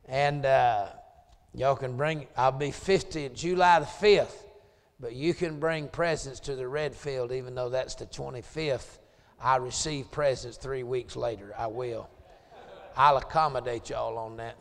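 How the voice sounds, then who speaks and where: Preaching a revival sermon in a church sanctuary, a Southern US man in his late forties makes quiet joking asides to the congregation, then builds to hollered scripture. His mid-range voice is unhurried with fairly even intonation, and it sounds like a large hall.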